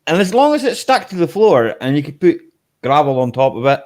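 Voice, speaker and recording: A man's voice: on the high side, very animated, fairly quick, a little mellow. A man in his early forties hosting a casual live chat, rambling and tagging his sentences with "right?" and "eh?", laughing often. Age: 40s. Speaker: live-stream host.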